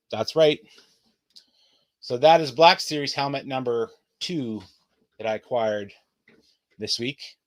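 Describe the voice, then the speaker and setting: A medium-pitched man chats upbeat and playfully to the camera while showing off his collectibles for his casual vlog, recorded dry.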